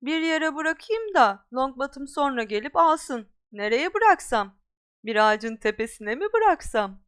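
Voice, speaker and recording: A woman's voice: high-pitched, very animated, normal speed, clear, resonant tone. Woman doing a sneering schoolboy bully. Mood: taunting. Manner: mocking, taunting.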